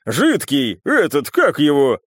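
A tough ex-commando growls coarse words in a slightly raised, fairly loud voice, as a male narrator puts him on. His delivery is rough-edged, and the sound is close and dry. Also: a little high, wildly swooping pitch, takes it slowly, no echo, exaggerated voice. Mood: joking.

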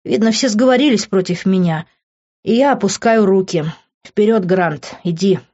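A woman's voice: mid-range voice, normal speed, warm tone, highs cut off, voice pushed up, close to an everyday voice. A woman reading the lines of a guilty, defensive middle-aged man who sighs. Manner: sighing, defensive.

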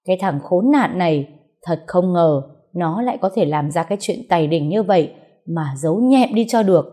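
Woman reading a fiery old husband, shocked and loud, lowish warm tone. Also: expressive, moderate pace. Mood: outraged. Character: hot-tempered old husband.

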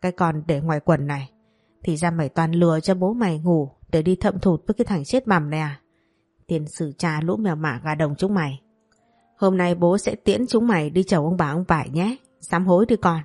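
A hot-tempered young master screams insults and threats in quick bursts, as a woman narrator plays him. The delivery is low and relentless. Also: husky, no echo, faint music behind. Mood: enraged. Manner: shouting abuse. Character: enraged eldest son of a rich family.

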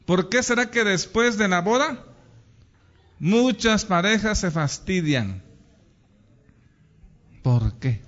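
Male preacher, high-pitched, teasing and chatty with the congregation, dull lo-fi recording. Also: animated, slow, pauses often, a bit bright. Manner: teasing, playful, asks the congregation questions. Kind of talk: lively sermon with audience questions.

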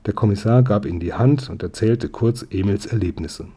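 A man narrating a children's novel in a measured storytelling manner. His voice is low and mellow, with a husky grain. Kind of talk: audiobook reading of a children's novel.

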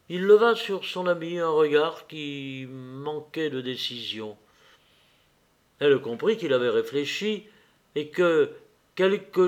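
Slow, measured male audiobook reader. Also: a little high. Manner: measured, with small hesitations. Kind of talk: audiobook narration.

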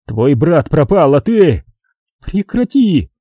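A man voicing a young woman official who bursts out in shrill indignation, tearful and furious, in an audiobook. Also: very animated, slow pace, dry recording, muffled recording, exaggerated voice. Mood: tearful, outraged.

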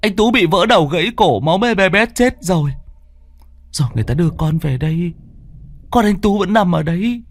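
A man voicing a demon disguised as a young son, talking in a high, whiny, pleading voice. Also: expressive, a little fast, big-room sound. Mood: crying.

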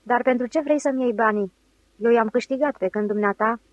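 A woman's voice: on the high side, no room sound, lo-fi sound, close to an everyday voice. A woman reading the lines of a cagey, tight-fisted middle-aged man who talks curtly and grudgingly. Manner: curt, grudging.

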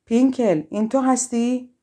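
A wicked old witch scolds in a raised, shrill voice, put on by a woman narrating a fairy-tale audiobook. She is loud and threatening, with a warm, mellow tone underneath. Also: steady tone, close to an everyday voice. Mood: accusing.

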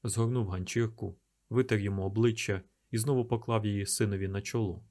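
A man reading a novel aloud in calm, measured audiobook narration. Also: on the low side.

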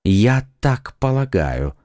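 A man voicing a composed, scholarly young musketeer in an audiobook, speaking calmly and evenly. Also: medium pitch, slow pace, dry recording, clean studio sound.

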